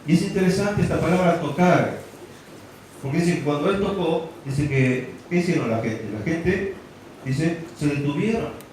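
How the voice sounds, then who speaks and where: Man preaching, high voice, rhetorical questions, distant mic, very echoey hall. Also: moderate pace, darkish tone, a little hiss or hum. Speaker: pastor. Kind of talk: sermon.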